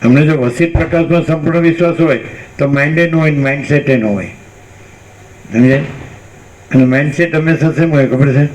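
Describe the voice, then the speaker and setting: A man giving an unhurried spiritual discourse as a teacher, repeating phrases and putting rhetorical questions to his listeners. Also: on the high side, darkish tone, poor audio.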